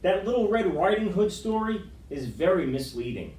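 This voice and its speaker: A middle-aged man acting as storytime reader performs a children's picture book with dramatic, expressive flair at a normal speed in a high-pitched voice. He is in a wood-panelled school room, picked up by a camera microphone across the room, so the sound is roomy and distant.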